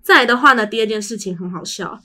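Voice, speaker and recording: Speaking fast in a bright, pushed voice of fairly high pitch, this young adult woman co-hosts a podcast in casual chat. She has a Taiwanese Mandarin accent and tells chatty stories, acting out the dialogue.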